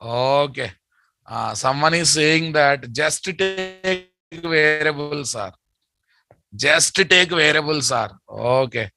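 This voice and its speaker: Sharp, emphatic Telugu-accented man teaching. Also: a little high, takes it slowly, gravelly, no echo, soft background music. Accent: Telugu Indian. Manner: emphatic, repeats statements and quizzes listeners. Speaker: programming teacher. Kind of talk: live lecture to students.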